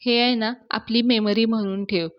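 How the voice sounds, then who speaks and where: A woman's voice: fairly high pitch, steady tone, normal speed, lo-fi sound, close to an everyday voice. A woman playing a cheerful, teasing young woman.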